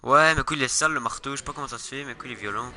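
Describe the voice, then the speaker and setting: A young man giving casual, excited let's-play commentary full of slangy exclamations, with game music behind. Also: medium pitch, very fast, slight background noise. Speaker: gamer.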